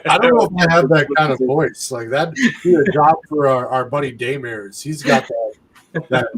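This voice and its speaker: A man chatting as a guest on a video call, eager and quick to jump in. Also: medium pitch, fairly bright tone. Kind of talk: casual chat on a video call.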